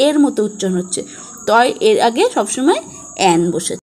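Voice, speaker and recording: Lively-voiced woman teaching grammar, patient and clear. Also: a little high. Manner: patient explaining, spelling out words. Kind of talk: spoken grammar lesson.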